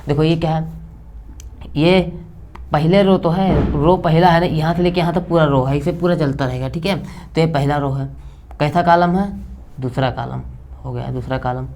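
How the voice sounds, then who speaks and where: A man's voice: fairly high pitch, fairly even intonation, moderate pace, a little mellow. A young man teaching a math lesson at a board in a chatty, repetitive way, often checking in with his students and cracking jokes. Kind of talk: casual blackboard math lecture.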